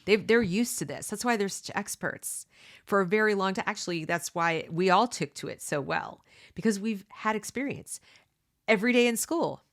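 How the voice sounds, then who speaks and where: At a moderate pace and in a mid-range voice, a middle-aged woman who homeschools reads passages from a book. She keeps interrupting herself with earnest, opinionated, emphatic commentary, peppered with "okay?" and "you know."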